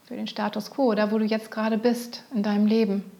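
A woman leading a guided meditation, speaking gently and often slipping into a whisper. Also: medium pitch, level tone, vocal fry. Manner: soft, slow, often whispered.

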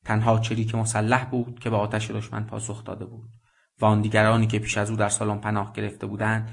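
A man reading a literary story as a radio narrator, measured and deliberate. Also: on the low side, completely flat delivery, vocal fry. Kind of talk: scripted narration.

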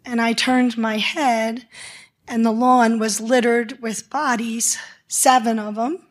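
A woman emergency physician telling a story in a lively way, acting out the lines she shouted. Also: a little high, slow pace. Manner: vivid, acts out quoted shouts. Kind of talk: animated live storytelling.

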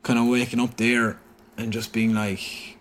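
An Irish man, a guest in an interview, tells a personal story in a measured, mid-range voice. He's animated, quoting dialogue and acting out what people said as he goes.

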